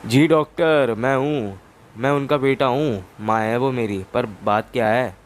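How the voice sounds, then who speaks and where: A man's voice: mid-range voice, measured pace, lightly acted. A man voicing a hot-tempered young gang leader who swears and threatens, in a game roleplay. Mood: distraught.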